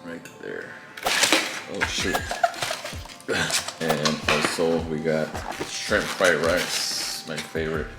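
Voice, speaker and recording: A man co-hosting a casual eating vlog, laid-back and quick to laugh. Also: rumbling low, level tone, echoey room, loud music behind the voice. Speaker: vlog co-host. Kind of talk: casual mukbang chat.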